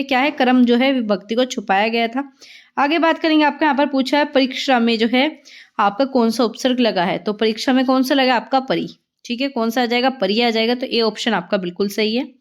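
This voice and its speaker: A woman teaching an exam-prep grammar lesson, asking and answering her own questions and often saying "ठीक है". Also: on the high side.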